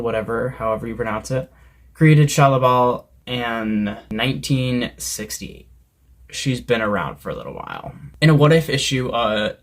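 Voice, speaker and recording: A man hosting a casual opinion commentary video, talking in a conversational, opinionated way with some hesitant fillers. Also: fairly low pitch.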